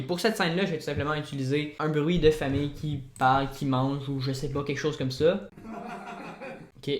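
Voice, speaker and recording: A man with a Québécois accent, talking casually through his editing work as a vlogger and breaking into loud, delighted exclamations. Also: on the high side. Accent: Québécois French. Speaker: video editor and YouTuber. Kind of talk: casual vlog commentary while working. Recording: roomy echo.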